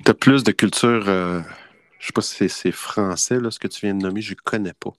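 A man's voice: on the low side, moderate pace, no echo. A man with a Québécois French accent hosting a casual online quiz show, playful and chatty. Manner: playful, chatty, laughs often. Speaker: quiz host.

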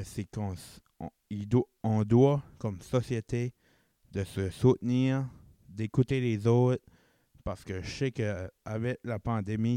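A young New Brunswick man, Canadian and Acadian with a Chiac accent, rambles through his casual solo podcast, correcting himself and dropping English words into his French. He has a low, mellow voice, and the studio-quality sound has no echo.

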